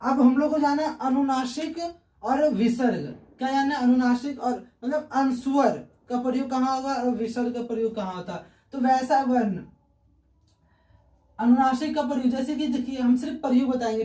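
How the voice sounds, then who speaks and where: A man's voice: very high voice, dark tone. A male teacher, giving an online grammar lesson. He asks questions and answers them himself, repeating key terms. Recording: roomy echo, distant from the mic.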